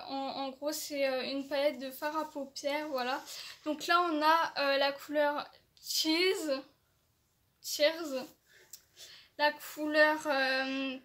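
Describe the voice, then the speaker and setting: A beauty vlogger casually shows off products from an advent calendar, her high voice fairly bright. She's hesitant, full of fillers and restarts, yet enthusiastic about each item.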